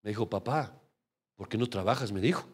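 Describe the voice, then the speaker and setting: A man preaching a sermon as pastor in a church, telling a family story with lively back-and-forth voices and calling his listeners brother. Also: on the low side, a little fast, slightly rough. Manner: animated storytelling, often calling the congregation brother.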